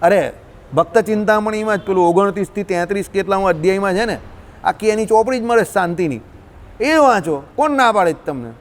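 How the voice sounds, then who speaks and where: A man's voice: high voice, animated, a little fast. A man, teaching scripture in a scolding, colloquial way, full of rhetorical questions. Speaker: religious teacher. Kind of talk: scriptural discourse.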